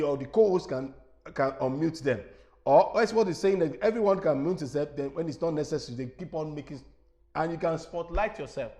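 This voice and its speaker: A man with a Nigerian accent giving an instructional webinar as an evangelist, animated and repetitive, often checking whether his listeners follow. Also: fairly high pitch. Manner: animated, repetitive teaching with rhetorical questions.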